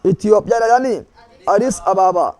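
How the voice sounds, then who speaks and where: A man's voice: high voice, normal speed, a little mellow. A man teaching a geography lesson, who asks a question and answers it himself, repeating each fact many times over.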